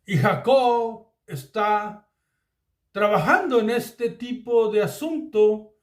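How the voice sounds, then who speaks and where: Slow high-voiced preacher in echoey room. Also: male voice. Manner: earnest, addresses listeners as beloved. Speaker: Bible teacher. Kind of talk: Bible study sermon.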